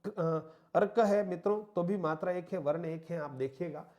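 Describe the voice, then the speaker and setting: A man's voice: fairly high pitch, moderate pace, a little mellow. A man teaching an online exam-prep lesson, patiently explaining step by step and counting syllables aloud. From India. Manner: addresses listeners as friends, explains step by step with slides. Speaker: Hindi teacher.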